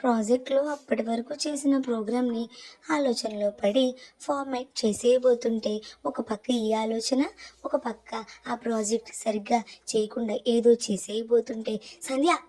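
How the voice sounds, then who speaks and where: A woman's voice: on the high side, fairly even intonation, moderate pace, warm tone. A woman narrating an emotional audio love story expressively.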